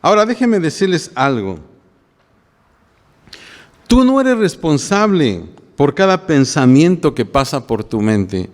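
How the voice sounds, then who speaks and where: Older pastor with a high-set voice. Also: male voice, sing-song, slow pace, long pauses, big-room sound. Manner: homely, plain-spoken, often asks the congregation "¿verdad?". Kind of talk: conversational sermon.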